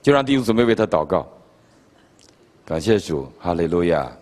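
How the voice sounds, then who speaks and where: Older male pastor, lively preaching voice. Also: deep voice, normal speed. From China. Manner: animated storytelling with humor. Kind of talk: sermon. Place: conference hall. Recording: reverberant hall.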